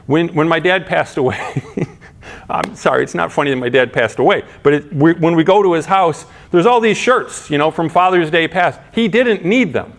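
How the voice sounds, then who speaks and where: This sermon comes from a middle-aged pastor talking at a moderate pace in an easy, conversational manner. He keeps posing rhetorical questions and starting sentences over, trading low, quiet asides for brighter, raised statements.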